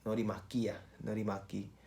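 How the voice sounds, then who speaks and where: A man presenting like a casual vlogger, informal and halting, switching between languages and often repeating himself. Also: fairly low pitch, little pitch movement, vocal fry, darkish tone. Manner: informal, halting, repeats phrases and address tags. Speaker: vlogger and cook.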